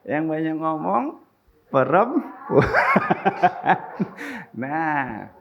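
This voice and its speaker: A man preaching a sermon as pastor, in a joking, punchy way with sudden loud rises, with in his speech. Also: lowish voice, lively intonation, a little slow, creaky, phone-quality sound, noisy background. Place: church hall with congregation.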